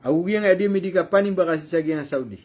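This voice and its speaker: A man giving informal news commentary, talking loosely with fillers and self-corrections, and reading English quotes slowly. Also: a little high, darkish tone.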